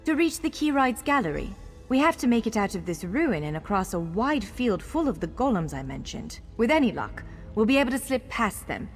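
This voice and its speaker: In scripted video game dialogue, a woman voices a spirited warrior who serves as companion and tutorial guide, brisk and encouraging yet candidly wary as she explains things, turning urgent in combat. Her voice is fairly high and very animated. The recording has long hall reverb with clear game music behind her.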